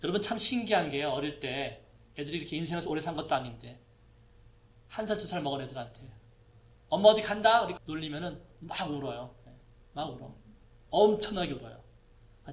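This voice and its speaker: Guy preaching in church, kinda high voice, chatty, keeps asking the crowd questions. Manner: conversational preaching, rhetorical questions to the congregation. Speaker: pastor. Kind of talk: sermon. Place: church hall with a projector.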